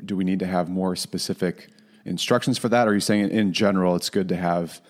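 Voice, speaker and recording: A man's voice: sits low, fairly even intonation, a little fast. A man hosting a podcast interview, conversational and affirming as he asks follow-up questions. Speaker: podcast host.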